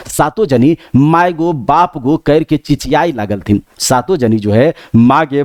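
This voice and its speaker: A male teacher giving an exam-prep lesson. He retells a folk tale by reading each dialect line and then explaining it in plain words, and he pitches his course like a salesman. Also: a little mellow, no echo, studio quality.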